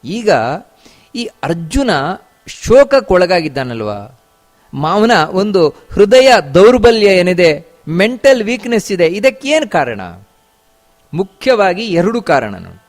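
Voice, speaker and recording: Male scripture teacher, high voice, chanted verses, rhetorical questions. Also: sing-song, slow pace, pauses often. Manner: repeats key phrases, asks rhetorical questions. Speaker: religious teacher.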